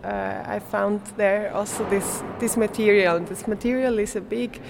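A woman's voice: medium pitch, fairly even intonation, moderate pace, vocal fry, background noise. A young Swiss woman whose first language is German, answering interview questions in English, often hesitating to find words and laughing lightly. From Switzerland. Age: young adult. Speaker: guest artist.

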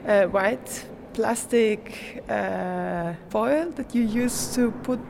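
A young Swiss woman, German her first language, answers in English at a slow pace. She hesitates often and hunts for words. A faint hiss sits under her voice. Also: mid-range voice, gravelly. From Switzerland. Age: young adult. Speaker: guest artist. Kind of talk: interview answers.

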